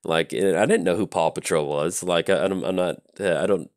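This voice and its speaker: Man, deep low voice, dry close sound, casual rambling card game commentary. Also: fairly quick, no room sound. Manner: rambling, relaxed, lots of fillers. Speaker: channel host playing a card game. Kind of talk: casual gameplay commentary with chatty stories.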